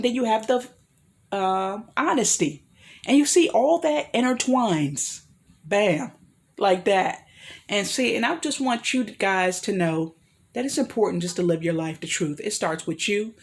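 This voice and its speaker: A woman vlogger giving an earnest motivational talk, rambling with frequent restarts and apologies. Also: mid-range voice. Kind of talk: motivational personal talk to camera.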